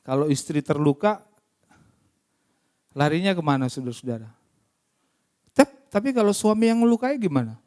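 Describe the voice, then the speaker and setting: A male pastor preaching a lively, interactive sermon, often putting questions to the congregation. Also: fairly high pitch, normal speed, pauses often. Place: church service.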